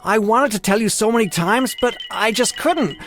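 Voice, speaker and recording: A woman's voice: a little high, normal speed, close to an everyday voice. A woman voicing a nervous, apologetic teenage boy who pleads and makes excuses. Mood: pleading.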